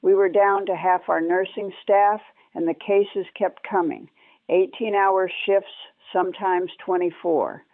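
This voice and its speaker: A woman telling her memories of nursing in a somber, measured way, heard through an old lo-fi recording. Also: medium pitch, fairly even intonation, no echo. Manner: somber, measured storytelling in short clauses. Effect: old lo-fi recording, tinny like archival radio. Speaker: former war nurse recounting memories. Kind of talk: first-person spoken memoir. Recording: tinny, dry old radio-style recording.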